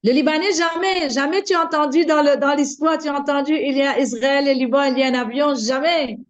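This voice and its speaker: A woman's voice: high-pitched, steady tone, fast talker. A woman chatting casually in a group, talkative and repeating her phrases. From Mauritius. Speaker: participant. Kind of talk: casual chat. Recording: dull lo-fi recording.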